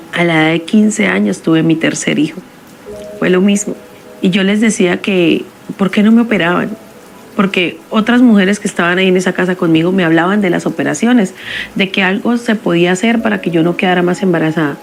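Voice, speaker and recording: A woman telling a first-person story in a somber, measured confessional way. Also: fairly low pitch, vocal fry, a little hiss or hum.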